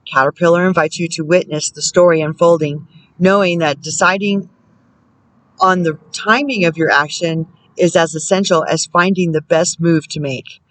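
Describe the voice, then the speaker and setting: A woman working as a spiritual counselor, reading oracle card texts aloud in a measured way and breaking off now and then to muse and comment to herself. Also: lowish voice, steady tone, rough recording. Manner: measured reading broken by musing, self-amused comments.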